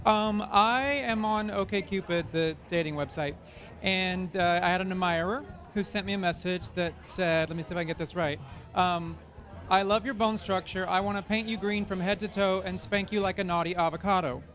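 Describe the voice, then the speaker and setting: A man's voice: high-pitched, moderate pace, a bit bright. A man who performs cabaret, chatting casually and playfully in an interview. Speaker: award-winning cabaret performer.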